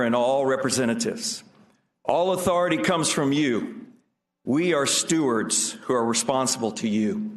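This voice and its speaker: A man, a pastor, leading a formal public prayer with solemn, measured phrasing. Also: mid-range voice. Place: large indoor legislative chamber. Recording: echoey room.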